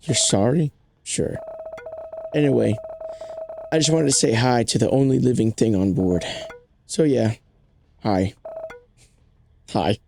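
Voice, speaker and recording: A man's voice: mid-range voice, takes it slowly, creaky, long pauses, over music. A man doing a sarcastic talking plant. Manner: sarcastic, dry. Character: sardonic talking plant, dry and scornful.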